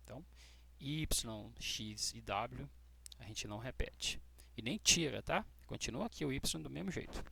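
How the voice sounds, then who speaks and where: A Brazilian man teaching English grammar to students, patient and checking in often with short questions, spelling out letters slowly. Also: medium pitch, animated, gravelly, bright, forceful tone, slightly rough. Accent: Brazilian Portuguese. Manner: spells out letters slowly, stressing key words. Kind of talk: explaining grammar rules to students.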